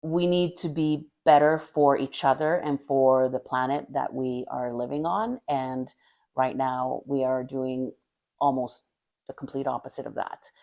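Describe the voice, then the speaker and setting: An artist from Finland in her thirties, with a low, steady voice, answers quick questions in a casual interview. She's earnest and thoughtful and warms into small laughs, recorded by a camera across the table in her bright living room full of art.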